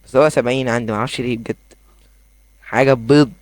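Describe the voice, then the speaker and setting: A young man with an Egyptian accent giving excitable, rambling commentary as he plays a game in his bedroom. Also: mid-range voice, no room sound. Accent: Egyptian Arabic. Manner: excitable, rambling, quick asides. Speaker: gaming YouTuber. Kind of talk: casual gameplay commentary.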